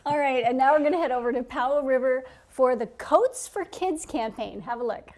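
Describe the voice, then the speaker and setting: A woman's voice: high-pitched, moderate pace, darkish tone. A middle-aged woman hosting local TV, with an upbeat, enthusiastic and emphatic way of presenting. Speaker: TV host and roving reporter. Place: indoor hallway and small room.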